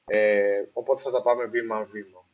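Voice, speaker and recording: A man's voice: fairly low pitch, steady tone, phone-quality sound. A man hosting a casual explainer on investing, slipping English phrases into his talk with many fillers and restarts, recorded with poor sound. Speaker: investing video host. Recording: poor sound quality, apologized for.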